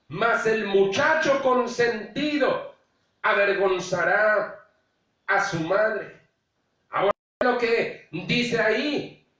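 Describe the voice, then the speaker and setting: A male pastor delivers a deliberate, unhurried sermon in a very high voice. He is heard from some distance across a big, booming, echoey space. Now and then he slips into quoted asides from indulgent parents. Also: sharp tone. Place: church. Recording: very echoey room, distant mic.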